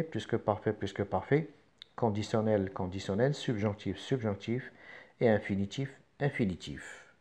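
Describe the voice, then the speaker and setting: A man's voice: on the low side, a little mellow. A man teaching a lesson, reading out examples and dictating them in short, segmented phrases. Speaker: French grammar teacher.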